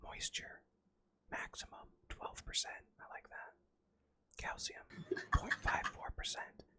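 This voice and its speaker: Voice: slow, sharp tone. A streamer in a joking ASMR livestream, whispering in a mock-soothing way and echoing their own words over and over.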